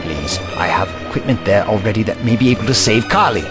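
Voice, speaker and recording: An actor playing the Doctor, an earnest male time traveller, expressive and indignant. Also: lowish voice, fast, over music, close to an everyday voice. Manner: expressive, indignant, gentle with a child. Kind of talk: fan audio drama.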